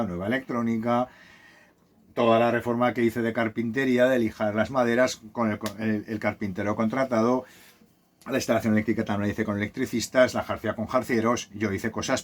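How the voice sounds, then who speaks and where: A man who lives on a sailboat tells a casual, rambling story with many restarts, recorded on a phone. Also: mid-range voice. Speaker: vlogger living on a sailboat. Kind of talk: casual monologue.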